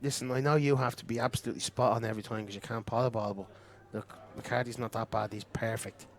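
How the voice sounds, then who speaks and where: A man's voice: medium pitch, steady tone, fast talker. Bantering Irish man commentating. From Ireland. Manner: boastful, bantering. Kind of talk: casual pool commentary.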